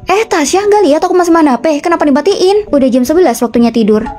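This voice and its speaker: A young woman voicing bickering female college roommates in a dubbed short drama, with a quick, snappy, sassy delivery. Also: high voice, lively intonation, over music. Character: bickering young women college dorm students.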